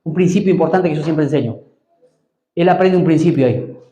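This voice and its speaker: Pastor, male, high mellow voice, call-and-response sermon, echoey church hall. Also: fairly quick, lo-fi sound. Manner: preaching with call-and-response prompts to the congregation.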